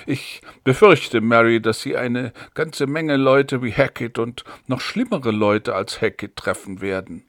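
Calm, guarded policeman, read by a man. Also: medium pitch, no echo, clean studio sound. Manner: calm, measured. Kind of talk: audiobook dialogue reading.

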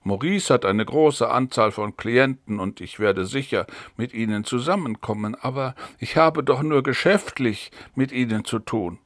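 A man's voice: medium pitch, normal speed, hardly any pauses, no echo, studio quality, natural voice. A man reading the part of an earnest, trusting young woman in an audiobook, in a pleading tone.

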